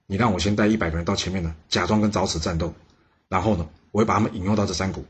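A man voicing a calm, shrewd male archer disciple in a storybook tale, speaking low and quietly. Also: rapid-fire, husky. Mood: scheming.

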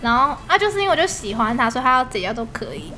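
Bright, quick-talking young woman. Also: high-pitched, sing-song, slight background noise. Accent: Taiwanese Mandarin. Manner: chatty storytelling, laughing often. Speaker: podcast co-host. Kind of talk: casual chat.

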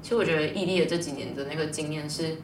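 Low-voiced fast-talking young woman. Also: a little hiss or hum. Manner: rambling, lively retelling with quoted dialogue. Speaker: guest. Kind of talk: casual storytelling in an interview. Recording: distant mic, roomy echo.

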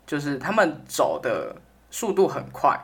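A woman with a Taiwanese Mandarin accent, co-hosting a casual chat and telling a story with lively impressions. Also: measured pace, slightly rough. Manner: animated storyteller, acts out her mother in a high voice. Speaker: podcast co-host.

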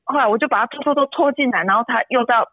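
A woman speaking, a mother telling an emotional personal story, her voice often breaking and jumping high. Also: very fast, slightly rough, dry recording. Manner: tearful, pitch jumps high when upset. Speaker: interview guest, mother. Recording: tinny phone-line sound.

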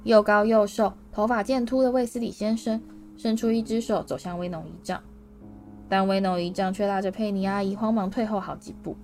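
A woman reading a fantasy novel aloud as an audiobook, animated and acting out every character. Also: mid-range voice, brisk, faint music behind. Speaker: audiobook reader. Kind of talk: storybook narration.

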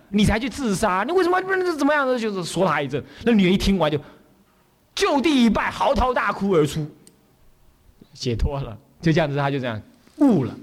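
A man with a Taiwanese Mandarin accent, a Buddhist abbot telling stories in a sermon, acting out the characters and often asking the audience to agree. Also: medium pitch. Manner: acts out characters' voices while telling stories. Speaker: Buddhist abbot giving a dharma talk. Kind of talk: storytelling sermon.

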